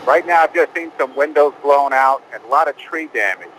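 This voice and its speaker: A man working as a news photographer gives an informal, halting live eyewitness report on storm conditions. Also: a little high, a bit bright, slight background noise, low-quality recording.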